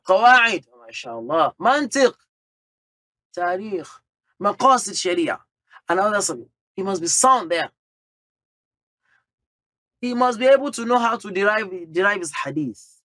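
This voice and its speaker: A man's voice: high-pitched, fairly bright tone, no echo. Emphatic male religious teacher, dry sound. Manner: emphatic, lists numbered points, sprinkles in Arabic terms. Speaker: Islamic teacher. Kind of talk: religious lecture.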